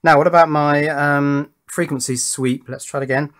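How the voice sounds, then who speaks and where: The host of an electronics build channel gives casual, hands-on demonstration commentary at an indoor workbench, thinking aloud in a tentative, musing way. His voice is fairly high and fairly bright, with a steady tone at normal speed.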